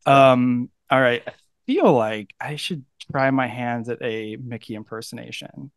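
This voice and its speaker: A man's voice: medium pitch, lively intonation, unhurried, dry recording, studio quality. A man in his thirties hosting a podcast, talking casually with many fillers and restarts. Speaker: podcast host.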